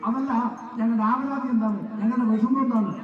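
A man's voice: extremely high pitch, steady tone, brisk. A man acting in a comic folk play as a fussy villager who declaims repetitive grievances to an oracle. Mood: pleading. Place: live folk stage performance. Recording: echoey distant PA, dull sound.

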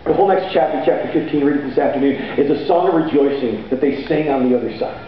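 A middle-aged man preaching a sermon on stage with a handheld mic, energetic and sometimes shouting as he paces. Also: medium pitch, fast talker. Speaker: pastor. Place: large hall stage with band gear, seen from far off. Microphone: handheld mic, far camera. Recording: echoey hall from far off, dull audio, faint noise.

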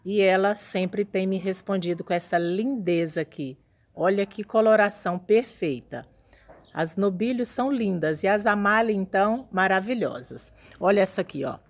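A woman's voice: mid-range voice, normal speed. Chatty woman touring her orchid house. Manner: chatty, admiring, showing plants to viewers. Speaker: orchid grower vlogger. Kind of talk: casual walking tour narration.

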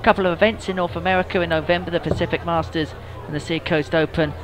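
A man giving live darts commentary in a measured, informative way. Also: on the high side, steady tone.

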